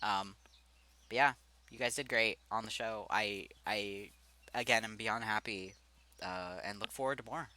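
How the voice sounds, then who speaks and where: A man's voice: fairly low pitch, a little slow, sharp tone, a little hiss or hum. A young man giving casual, rambling video commentary, with frequent fillers and giggles.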